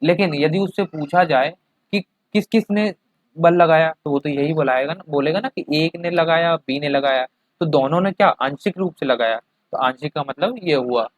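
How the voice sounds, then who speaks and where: A man's voice: a little high, moderate pace, no echo. A man teaching a chemistry class, explaining with everyday examples and often checking that students follow.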